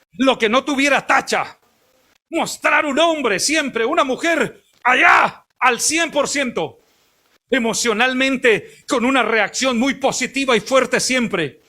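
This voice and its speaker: A male missionary preacher with a strikingly high, bright voice. He delivers his sermon emphatically, rising to shouts and chuckling along with the congregation.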